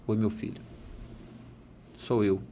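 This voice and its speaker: A man telling it as God, calm and solemn. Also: fairly low pitch, slow pace, slight background noise, voice pushed down. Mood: gentle. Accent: Brazilian Portuguese. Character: God, a calm fatherly male voice from above.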